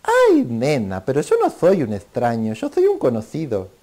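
A woman's voice: extremely low pitch, huge pitch swings, moderate pace, mellow, heavily acted. A woman voicing a hungry, boastful male wolf in a children's puppet show, growling and greedy. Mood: sly.

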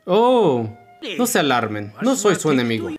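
A gentle old monster caretaker, as a man puts him on, soft-spoken and courteous. He speaks lower and quieter than the man's own voice, over loud game music. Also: big pitch swings, normal speed. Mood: calm. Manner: soothing, courteous.

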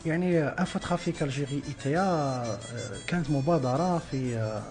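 A man's voice: on the high side, fast, music in the background. A man with an Algerian Arabic accent, a guest on a radio interview, explaining at length with many filler sounds and French words mixed in. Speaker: guest, traffic info page team member.

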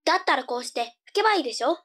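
A woman's voice: sits high, expressive, very fast, a bit bright. A woman playing a cheeky young girl, a sassy little sister, with cute anime delivery in a tongue-twister audio drama. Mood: pert.

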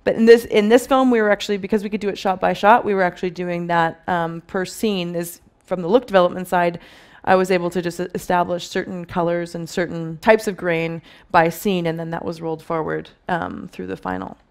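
Lowish-voiced woman presenting on stage. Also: a little fast, clean tone. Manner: thoughtful, many fillers and restarts, talks with her hands. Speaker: film colourist. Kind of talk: conference presentation. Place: dim stage with dark backdrop.

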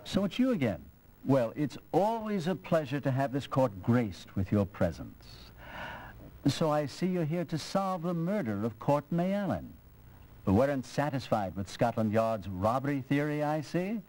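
An actor playing a hearty, formal court judge who praises and quizzes the player. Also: male voice, medium pitch, sing-song, moderate pace, a little mellow, close to an everyday voice, rough recording. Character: jovial English court judge. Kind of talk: video game voice acting.

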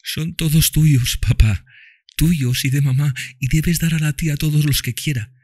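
A man's voice: fairly even intonation, unhurried. Man doing Eva, a tender frail little girl. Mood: earnest. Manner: soft, tender high voice.

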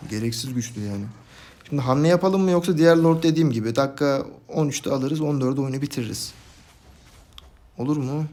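A young man commentating his own gameplay for a video, swinging from calm play-by-play to frustrated outbursts at his teammates. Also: medium pitch. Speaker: gaming YouTuber.

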